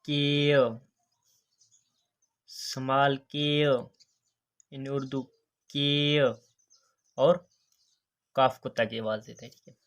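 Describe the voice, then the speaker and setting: A man teaching the alphabet, saying each letter slowly and repeating "next" and "okay" as he goes. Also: mid-range voice, little pitch movement, a bit bright, clean tone. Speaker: English teacher. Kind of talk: alphabet lesson narration.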